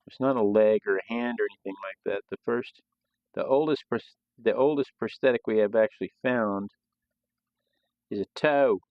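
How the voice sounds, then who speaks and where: A low-voiced man with a gravelly edge chats casually through a live drawing session. He rambles loosely and often restarts his sentences. The sound is dry and dull, with a lo-fi quality. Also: moderate pace, no echo. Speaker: host of a live sketching stream. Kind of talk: casual live-stream talk while drawing.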